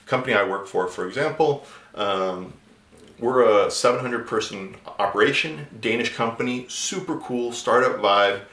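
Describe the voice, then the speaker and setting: A native English-speaking man gives casual job-search advice in a vlog, conversational and full of restarts and filler words. His mid-range voice is a bit bright and moves at normal speed, with a roomy sound.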